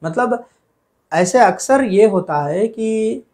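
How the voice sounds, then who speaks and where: Male teacher, slightly higher voice, unhurried delivery that stretches words to model them; poses questions, answers them. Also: lively intonation, darkish tone. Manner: slow, deliberate, stretches out words to model pronunciation; asks questions then answers them himself. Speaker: Hindi teacher. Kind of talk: classroom lesson on spelling and pronunciation.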